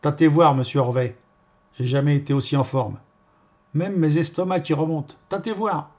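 A man voicing a plump, gossipy middle-aged female concierge in a storybook reading, chatty and insistent, with a husky edge. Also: fairly high pitch, moderate pace, darkish tone, lightly acted.

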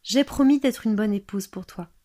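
A woman voicing a small, gentle female frog princess in a storybook reading, with a soft, tender little voice. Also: mid-range voice, normal speed, lightly acted.

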